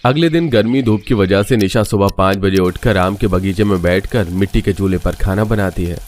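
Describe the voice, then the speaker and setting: A man narrating a cartoon story in a steady, scripted storytelling voice. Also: deep voice, fairly quick.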